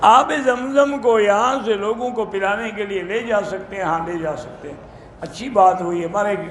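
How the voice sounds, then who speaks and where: A man, an Islamic scholar, giving brisk, plain-spoken answers to religious questions in a question-and-answer talk. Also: high-pitched, a little hiss or hum. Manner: plain-spoken, brisk, matter-of-fact rulings. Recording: echoey room.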